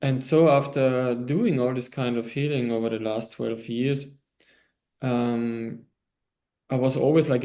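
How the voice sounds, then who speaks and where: Guest: Austrian man with a German accent, gravelly low-mid voice, rambling, laughs a lot, on a video call. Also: darkish tone. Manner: laughs often, rambling with frequent pauses. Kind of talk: casual interview over video call.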